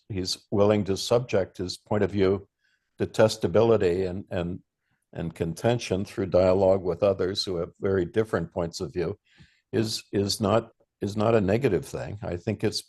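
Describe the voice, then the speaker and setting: A man's voice: sits low, darkish tone. A man in a seminar discussion who halts and searches for his words. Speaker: seminar participant. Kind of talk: discussion group talk.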